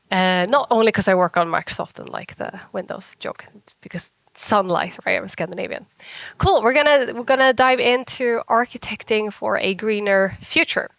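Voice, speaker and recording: A woman with a Swedish accent gives an informal conference talk in a husky whiskey voice roughened by a cold, chatty and self-deprecating. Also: fairly low pitch, fairly bright tone, no echo. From Sweden. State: sick with a cold. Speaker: conference speaker, software engineer.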